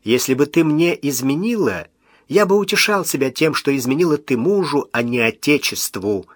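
A man's voice: medium pitch, animated, moderate pace, dry recording, studio quality, lightly acted. A man voicing a stern, ironic navy admiral who speaks in a commanding voice with a metallic edge. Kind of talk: audiobook character voice.

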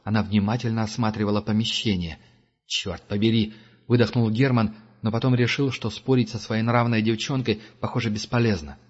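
A man reading an audiobook in steady, measured scripted narration. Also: lowish voice. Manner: steady, measured reading with gruff character growls. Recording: dull lo-fi audiobook recording.

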